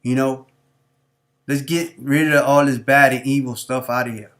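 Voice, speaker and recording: A man's voice: medium pitch, steady tone, normal speed, fairly bright tone. Guy on a live stream going off, preachy and repetitive, street talk, keeps hammering the point. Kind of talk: unscripted monologue.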